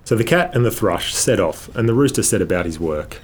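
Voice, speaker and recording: A man reading a children's storybook aloud in a measured, expressive way. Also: lowish voice, a little hiss or hum. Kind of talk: scripted storybook narration. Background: guitar music.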